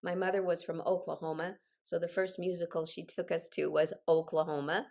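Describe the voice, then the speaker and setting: Still shaking off a cold, an older woman who teaches singing and leads a choir directs an online group session, cheering her singers on and dropping in personal comments. She talks a little fast, with a fairly low, mostly unvarying pitch, vocal fry, and a slightly mellow quality.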